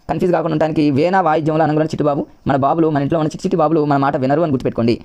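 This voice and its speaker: Fast-talking high-voiced male tutor. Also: darkish tone. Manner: repetitive, coaxing, addresses viewers as friends. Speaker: exam coaching teacher. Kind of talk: rapid classroom-style explanation.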